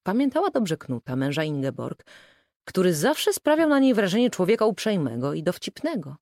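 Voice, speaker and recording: A woman narrating an audiobook with an expressive reading style. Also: on the low side, moderate pace, dry recording, clean studio sound.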